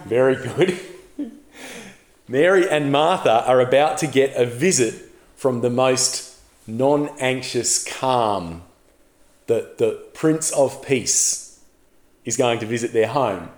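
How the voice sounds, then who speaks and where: A man preaching a sermon as a pastor, telling the story in a lively way and putting questions to the congregation. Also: mid-range voice, slow pace, long pauses, echoey room.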